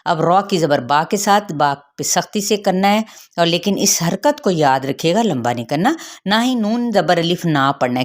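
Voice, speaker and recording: A woman with a fairly low voice leads a recitation class. She chants verses in slow, drawn-out phrases, then breaks them down sound by sound, posing questions and answering them in a patient teaching manner. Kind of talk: tajweed lesson with recitation.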